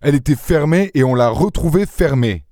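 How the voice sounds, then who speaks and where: A man's voice: on the high side, lively intonation, brisk, warm tone, no echo, studio quality, pitched above the performer's own voice, close to an everyday voice. A man reading an audiobook, voicing an irritable aristocratic count who answers with impatience and scoffing objections. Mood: impatient.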